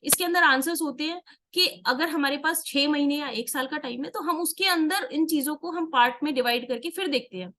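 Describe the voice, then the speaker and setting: An Indian woman with a high, light voice leads an online tarot workshop. She explains each point step by step, often asking a question and then answering it herself. English words slip easily into her Hindi. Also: brisk, sharp tone. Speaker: tarot teacher.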